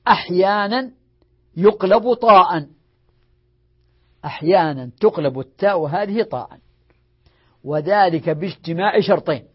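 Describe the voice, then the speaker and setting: With a high-pitched voice and a breathy edge, this sheikh lectures a class on Arabic morphology. He repeats every rule, drills word forms, and asks questions only to answer them himself, captured in a dull lo-fi recording.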